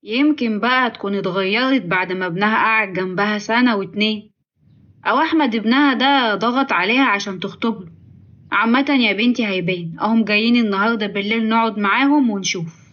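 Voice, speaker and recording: Lady doing a worried caring dad, egyptian accent, fast, muffled sound. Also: medium pitch, close to an everyday voice. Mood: protective. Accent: Egyptian Arabic. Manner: protective, reassuring. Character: caring older father.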